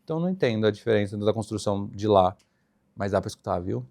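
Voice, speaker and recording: A man's voice: lowish voice, racing, gravelly. A young Brazilian man, a flight attendant guest, chatting casually and animatedly with frequent laughter. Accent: Brazilian Portuguese. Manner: animated storyteller, laughs often. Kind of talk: casual interview chat.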